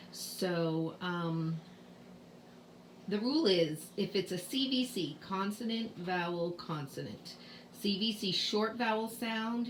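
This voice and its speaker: Woman, lowish voice, unhurried spelling teacher talking to parents, echoey room. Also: slight background noise. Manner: slow, patient, with many fillers. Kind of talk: casual home lesson. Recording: roomy echo, faint ambience.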